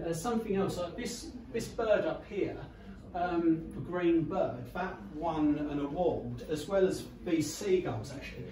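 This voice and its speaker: A man talking loosely about his photos at an exhibition, with fillers. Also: fairly high pitch. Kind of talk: informal gallery talk. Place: small gallery room with photos on the walls. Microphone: far camera. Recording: echoey room, distant mic, people around.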